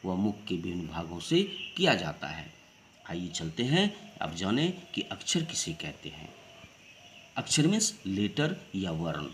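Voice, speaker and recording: A man teaching a school grammar lesson. He speaks slowly and with emphasis, asks his own questions and then answers them. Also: lowish voice, slight background noise. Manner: slow, emphatic, rising question-and-answer delivery.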